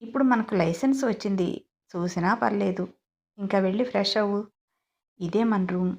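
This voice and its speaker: A woman's voice: medium pitch, moderate pace, vocal fry, a little mellow, lightly acted. A woman voicing a brash, playful young groom who teases and insists. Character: bold teasing young man, newly married groom.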